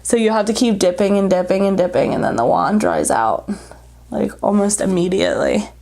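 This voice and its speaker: A woman's voice: mid-range voice, moderate pace, creaky, warm tone. A woman chatting casually and bluntly as she reviews makeup, sounding short of breath and congested from allergies, almost hyperventilating. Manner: informal, blunt, jokey asides. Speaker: beauty vlogger reviewing makeup. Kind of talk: casual chat to camera while applying makeup.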